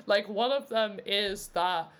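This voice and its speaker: A woman's voice: medium pitch, takes it slowly, a bit bright. A woman co-hosting a podcast, chatting casually about a film, rambling with many restarts. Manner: rambling, full of fillers and restarts, laughs often. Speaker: podcast co-host.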